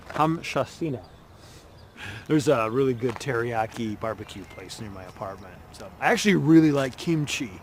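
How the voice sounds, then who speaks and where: A man's voice: mid-range voice, expressive, normal speed, natural voice. An actor in a comedy sketch, playing an eager, oblivious man who chatters on.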